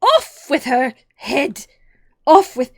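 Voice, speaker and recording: A woman's voice: on the low side, flat delivery, a little slow, slightly rough, no room sound, studio quality. A woman voicing a furious, imperious storybook queen who barks severe commands. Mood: furious, commanding. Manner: severe, loud, barking commands. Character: furious, imperious, shrieking Queen of playing cards.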